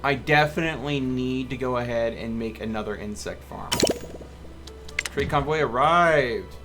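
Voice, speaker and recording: Over background music, a game streamer provides live commentary, addressing chat and mumbling to himself between moves. He speaks at a measured pace in a medium-pitched voice.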